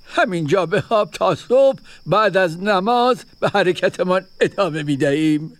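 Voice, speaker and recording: A man's voice: high voice, lively intonation. A man voicing a kindly, wise wandering dervish who reassures his companion in an audio story. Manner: gentle, reassuring, unhurried. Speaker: second dervish.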